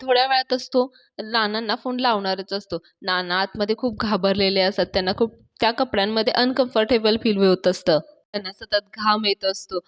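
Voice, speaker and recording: A woman's voice: mid-range voice, fairly even intonation, moderate pace, dull audio. A woman reviewer retelling a TV serial episode in a storytelling manner, addressing her viewers as "folks".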